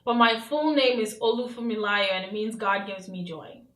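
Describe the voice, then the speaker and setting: A woman's voice: mid-range voice, steady tone, moderate pace, echoey room, low-quality recording. A woman in her thirties from Nigeria, chatting casually to camera as a vlogger, reading questions off her phone. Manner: chatty, warm-hearted asides, reads questions off her phone. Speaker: beauty vlogger. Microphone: camera mic, reading from phone.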